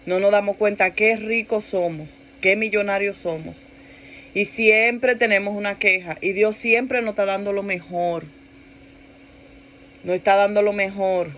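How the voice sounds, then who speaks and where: A woman pastor preaching a sermon in an animated way, repeating phrases for emphasis and asking her listeners for agreement. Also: mid-range voice, a little slow, slight background noise. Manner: animated preaching, laughs and acts out quoted complaints.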